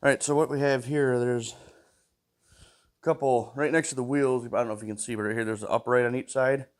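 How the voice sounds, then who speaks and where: This small engine repair vlogger, nose stuffed up, keeps up casual self-talk while breaking down an old mower in his workshop and hums between steps. His voice is medium-pitched, steady and brisk.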